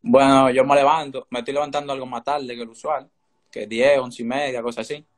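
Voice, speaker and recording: The voice is mid-range, flat, and a little fast, belonging to a teenage young man from the Dominican Republic with a Dominican accent. As a guest on a remote video call from an indoor room, he answers casually, with a phone or laptop close in front.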